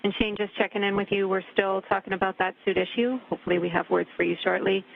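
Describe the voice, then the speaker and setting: Calm flat voice on a tinny radio comm loop like a space communicator, measured updates. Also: medium pitch, gravelly. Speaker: mission control radio communicator. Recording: tinny narrow-band radio transmission.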